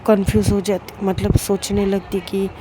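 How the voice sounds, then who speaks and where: A woman telling a romance story aloud in a plain, unhurried manner with small fillers. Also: mid-range voice, level tone, noisy background. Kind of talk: storybook narration.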